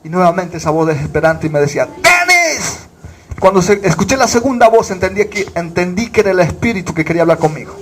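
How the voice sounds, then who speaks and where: A man's voice: high voice, fast talker, few pauses, a little hiss or hum. A man from Bolivia preaching a sermon as pastor, fervent, with rhetorical questions.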